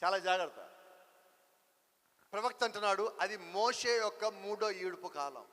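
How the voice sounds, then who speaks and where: A man's voice: high-pitched, normal speed, fairly bright tone. A man preaching a sermon, emphatic, driving his points home with repeated rhetorical questions. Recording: long hall reverb.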